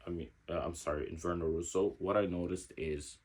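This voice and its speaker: Male reviewer, low-pitched and slightly husky, talking things through slowly. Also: fairly even intonation, a little mellow. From Egypt. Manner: reflective, searching for words. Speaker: fragrance reviewer. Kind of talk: casual product review.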